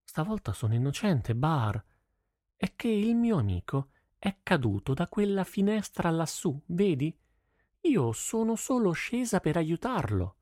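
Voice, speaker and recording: Guy doing a sassy young girl, high voice, playful, dry storybook read. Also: sing-song, measured pace, no echo. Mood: wheedling. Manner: bright, wheedling, playful. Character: cheeky, lively young girl adventurer.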